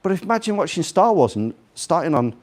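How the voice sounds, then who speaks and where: He speaks on the high side, very animated and quick, with a slightly mellow tone. The guest speaker, slightly Scouse in accent, rambles and jokes through a chatty live talk in a room, directly quizzing his audience.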